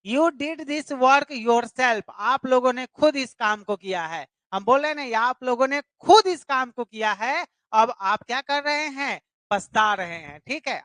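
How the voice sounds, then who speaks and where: Woman, live online teacher, high-ish pitch, explanatory, asks questions. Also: fairly bright tone, no echo. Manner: repetitive, explanatory, questions students directly. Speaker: English teacher. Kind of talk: live online grammar class.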